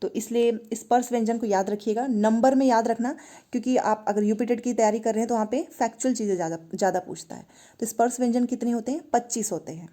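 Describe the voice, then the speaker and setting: Female grammar tutor, fairly high, warm tone, coaxing students to say sounds back. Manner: explains step by step, asks and answers own questions; has students repeat sounds aloud. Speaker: Hindi grammar teacher. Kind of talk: online exam-prep lesson.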